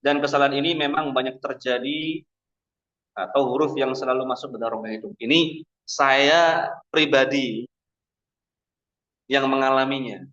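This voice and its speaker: A man teaching Quran recitation, slowly demonstrating each sound with drawn-out chanting. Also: medium pitch, fairly even intonation, fairly bright tone. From Indonesia. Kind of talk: tajwid lesson with demonstrations. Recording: dull lo-fi recording.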